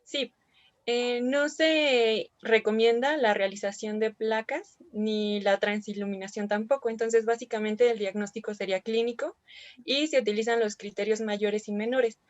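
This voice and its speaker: A woman's voice: on the high side, fairly even intonation, moderate pace, no echo. Methodical woman student on a dull line. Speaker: medical student. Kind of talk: class answer. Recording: dry, dull lo-fi call audio.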